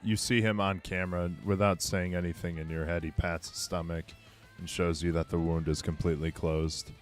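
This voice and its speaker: A man's voice: low voice, flat delivery, normal speed. A man running a tabletop game as game master, narrating a violent scene in grim, dramatic tones. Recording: faint background music.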